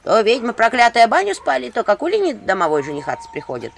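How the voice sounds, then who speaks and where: A woman reading an audiobook, voicing loud, brash village women gossiping in the street. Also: a little high, wildly swooping pitch, fast, creaky, slight background noise, voice pushed up, full character voice.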